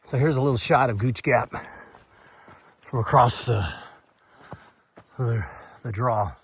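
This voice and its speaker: An older man with a drawl talks into a handheld camera on a forest trail. His voice sits mid-pitched, and he rambles in a folksy way as he hands out friendly advice. A faint noise runs under the outdoor recording. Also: slow pace, gravelly. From Texas. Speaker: hiker vlogger. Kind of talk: casual trail vlog.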